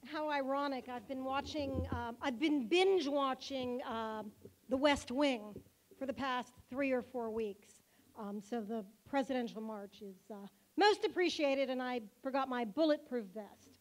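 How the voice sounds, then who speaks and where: High-voiced woman giving a playful banquet speech. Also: measured pace. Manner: playful, joking speaker. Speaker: synagogue president. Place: large event hall in a car museum.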